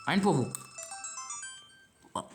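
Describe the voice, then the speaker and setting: A man's voice: slow pace, faint music behind. A man giving casual, rambling commentary on a video game as a let's play host, chatting to his viewers and swearing now and then.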